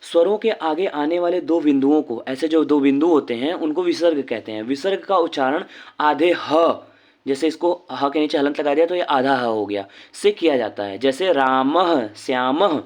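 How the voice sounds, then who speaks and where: Male tutor, fairly high voice, slow and deliberate, stretches out each sound when pronouncing. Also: darkish tone. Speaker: teacher. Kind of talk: explanatory lesson.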